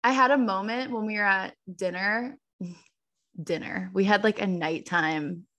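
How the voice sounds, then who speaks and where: A young woman in her twenties talks in a loose, rambling way, dropping "like" into nearly every sentence. Her pitch sits in the middle for a woman. She sounds like a friend chatting on a podcast. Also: a little slow, a bit bright. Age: 20s. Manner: chatty, full of "like" fillers. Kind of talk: casual chat.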